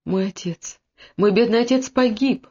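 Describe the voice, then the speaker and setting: A reader voicing a gentle, despairing young woman who pleads through tears, in a dull lo-fi audiobook recording. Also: mid-range voice, measured pace, voice pushed up. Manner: pleading, tearful.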